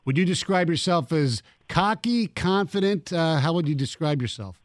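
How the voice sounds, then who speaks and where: A male radio co-host with a somewhat high voice asks a caller about his life. He starts in halting bits and restates his questions. His mic sounds close and dry. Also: lively intonation, dry recording. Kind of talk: radio interview.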